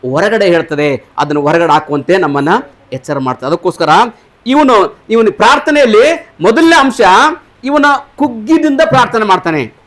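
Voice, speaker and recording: ಎತ್ತರದ ಧ್ವನಿಯ ಉತ್ತರ ಕರ್ನಾಟಕದ ಪಾದ್ರಿ. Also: male voice, high-pitched, expressive, moderate pace, a bit bright. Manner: questions the congregation, repeats their answers. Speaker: pastor. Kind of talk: sermon with call-and-response.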